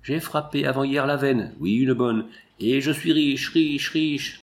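A man voicing a ragged, drunken gold miner who shouts boasts of his strike. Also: medium pitch, a little slow, voice pushed up, natural voice. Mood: triumphant.

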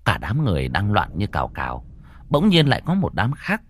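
A man narrating a spooky audio story in an expressive way, swinging between hushed and raised tones. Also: lowish voice, fairly quick, a little hiss or hum.

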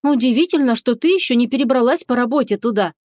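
A woman's voice: on the high side, animated, moderate pace, darkish tone, no room sound, studio quality, pitched above the performer's own voice. A woman voicing an eager, earnest young woman clerk in an audiobook.

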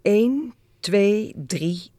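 A woman's voice: medium pitch, expressive, very slow, warm tone, dry recording, voice pushed up. A woman reading aloud, voicing an earnest young man who counts things out carefully.

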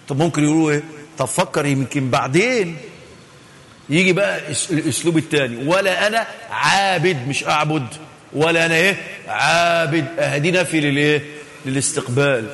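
A man's voice: fairly high pitch, a little fast, a bit bright. A man with an Egyptian Arabic accent gives a Quran tafsir lesson. He asks questions, answers them himself, and repeats key words for emphasis. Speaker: religious teacher. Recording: hall reverb.

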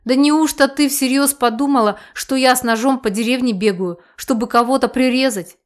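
In this audiobook, a woman reading the story voices a loud, blunt village aunt who scolds and mocks at once. The aunt's voice is slightly high and forceful, and she sounds natural, moves at a normal speed, and is in a scolding mood.

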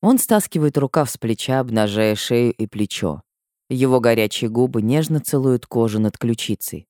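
A woman reading a first-person audiobook with emotional delivery and sudden high cries. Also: animated, normal speed, dark tone, no room sound, studio quality. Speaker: audiobook narrator.

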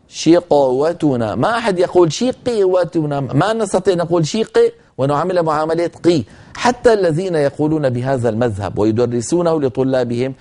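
A man lecturing on Quran recitation rules, explaining points and demonstrating pronunciation by slowly reciting words to his students. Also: a little high, dark tone. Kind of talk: lecture on tajweed.

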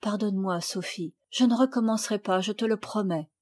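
A woman reading aloud, voicing a gentle, kind-hearted young girl in a storybook, with a soft, pleading manner. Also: medium pitch, a little fast, natural voice. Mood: tearful pleading.

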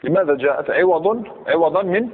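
A man's voice: a little high, animated, fairly quick, slight background noise. A man teaching grammar to a class, quizzing the students and repeating examples. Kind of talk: classroom lecture. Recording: tinny phone-like recording.

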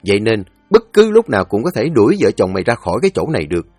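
A man's voice: lowish voice, wildly swooping pitch, racing, darkish tone, husky, no echo, clean studio sound, soft background music, heavily acted. A man voicing a blunt, threatening eldest brother. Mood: stern. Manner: blunt warning tone.

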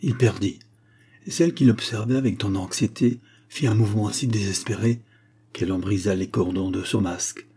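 A male audiobook narrator reading a period novel in a measured, steady way. His voice is low and mellow with a soft husky grain. The delivery is dark rather than bright. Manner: measured storytelling. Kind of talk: scripted narration.

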